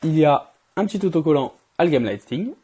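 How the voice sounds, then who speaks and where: A man hosting a product review, talking informally and directly to the viewer in a strained, worn-out voice that is giving out, hoarse from a cold. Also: on the high side, animated, fairly quick, mellow. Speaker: host of an event-equipment channel.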